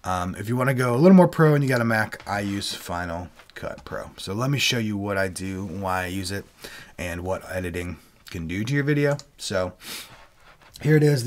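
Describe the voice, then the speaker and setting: A video creator and worship leader hosts a casual how-to livestream on a desk mic with webcam video. He's sick, so his voice sits lower than usual, but he stays relaxed and chatty, explaining things step by step.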